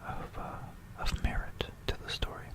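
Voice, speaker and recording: A binaural microphone picks up an ASMR host's breathy, voiceless whisper, pitched close to it as history is told a little slowly. The telling rambles, with lighthearted asides directed at whoever is listening.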